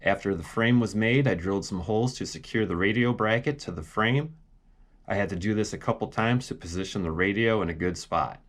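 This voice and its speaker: A DIY car vlog host with a fairly low voice talks a little fast as he casually walks through a do-it-yourself project. His voice-over is plainspoken and explanatory.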